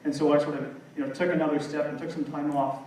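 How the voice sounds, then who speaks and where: A man's voice: on the high side, flat delivery, fast talker, a little mellow. A man speaking on a seminar panel in a loose way, full of "you know". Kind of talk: seminar talk. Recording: echoey room, far from mic, faint noise.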